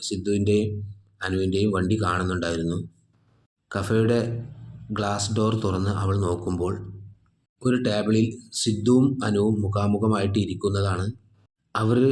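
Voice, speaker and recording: A man narrating a storytelling recap of a TV serial in a steady, plain way. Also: on the low side, reverberant.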